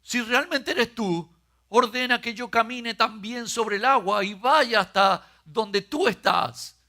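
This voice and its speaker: Man doing eager frightened apostle, loud pleading cries, high raised pitch, bright tone. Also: takes it slowly, full character voice.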